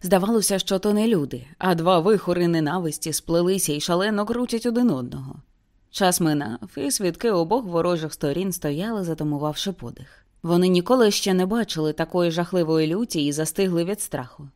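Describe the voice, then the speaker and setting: A woman reading a novel aloud as an audiobook, with intense dramatic narration that slows for grim moments. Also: on the low side, a little mellow. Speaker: audiobook reader.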